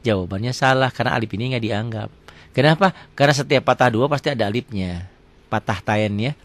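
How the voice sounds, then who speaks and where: A man teaching Quran recitation rules. He asks questions and answers them himself, and he stretches the example words out slowly. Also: mid-range voice. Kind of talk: tajwid lesson with question and answer.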